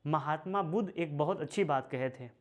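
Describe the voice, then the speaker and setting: A man teaching a history lesson for exam preparation, repeating key phrases slowly and calling viewers his brothers and friends. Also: on the high side. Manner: slow, repeats phrases for emphasis.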